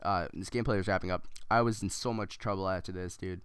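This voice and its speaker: Rambling man telling a story, smooth voice. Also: deep voice, fairly even intonation, quick pace, a bit bright, no echo. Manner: rambling, full of ums and restarts. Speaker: gameplay commentator. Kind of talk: casual storytelling over gameplay.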